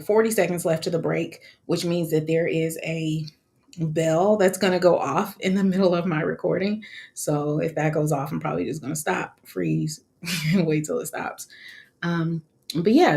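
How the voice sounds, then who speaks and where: A woman with a slightly low voice talks on a live stream in a loose, animated way and laughs often as she explains her process. She speaks into her own microphone in a casual walkthrough tone, as a host of her own channel. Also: gravelly. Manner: chatty and animated, with frequent laughs and fillers. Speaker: online course creator hosting a live co-working session. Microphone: wearing her own microphone.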